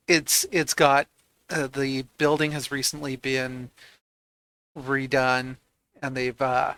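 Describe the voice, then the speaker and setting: A man narrates a tabletop roleplaying game as its game master. His voice is smooth and closely recorded, with little room sound. He speaks slowly and haltingly, building the scene as he goes. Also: mid-range voice, fairly bright tone, no echo.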